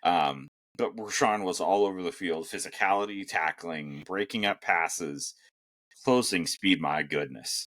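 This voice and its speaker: A young man with a low voice co-hosts a sports podcast in loose, casual chat. He talks in long, emphatic runs and swears freely when something riles him. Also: a little slow, a bit bright. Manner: emphatic, profane when worked up. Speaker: podcast co-host.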